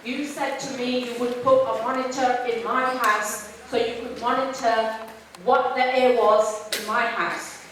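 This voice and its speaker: Slow, pointed woman in an echoey hall. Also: on the high side, fairly even intonation, fairly bright tone. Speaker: local resident asking a question. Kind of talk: public question at a meeting. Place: large hall. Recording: echoey hall from far off, noisy.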